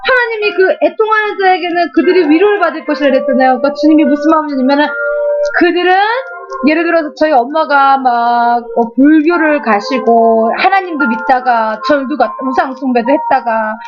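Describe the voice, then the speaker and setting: A woman's voice: high voice, brisk, music in the background. A woman preacher giving an emotional testimony in a fervent, sometimes tearful voice. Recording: dull lo-fi recording.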